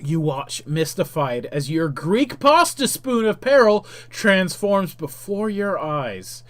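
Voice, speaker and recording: A man hosting a game stream reads the on-screen text aloud as he plays. His voice sits a little high, and he drops into casual, chuckling asides between the narration. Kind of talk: reading game text aloud while playing.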